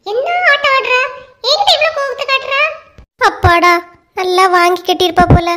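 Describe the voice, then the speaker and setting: Woman cartoon voice actor with a Kanyakumari Tamil accent, very high and animated, quarrelsome delivery. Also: normal speed. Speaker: narrator voicing all characters. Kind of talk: cartoon voice acting.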